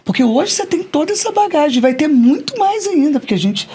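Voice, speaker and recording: A woman's voice: high voice, very animated, a little fast, mellow. A woman hosting a podcast interview, asking her guest probing questions. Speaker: podcast host.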